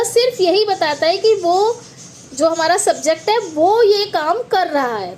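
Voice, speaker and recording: A woman's voice: very high-pitched, a little hiss or hum. A woman teaching a grammar lesson, patiently repeating points and checking that students understand. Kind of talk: grammar lesson in Hindi and English.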